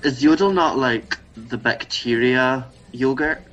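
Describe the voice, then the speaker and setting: Bright-voiced playful Scottish-raised man. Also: mid-range voice, slow, dull audio. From Scotland. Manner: playful, self-mocking, hesitant fillers. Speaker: podcast guest. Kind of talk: improvised comedic interview chat.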